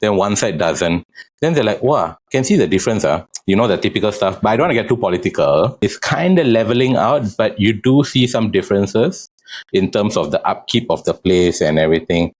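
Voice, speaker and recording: A man's voice: fairly low pitch, animated, brisk, a little mellow. A man with a Singaporean accent, speaking casually and chattily as an interview guest. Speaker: interview guest, real estate agent.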